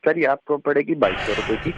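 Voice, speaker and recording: A man's voice: fairly high pitch, fairly quick. A man working as a customer service agent, formal and polite, calling everyone sir. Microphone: phone. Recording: noisy, dull phone line.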